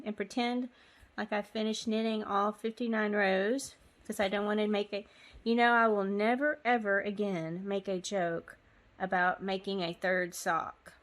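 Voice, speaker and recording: In a mid-range voice, a knitting tutorial host walks through making socks step by step, relaxed and conversational. She's chatty, slightly apologetic, and fills pauses with ums, as if recording herself on a phone.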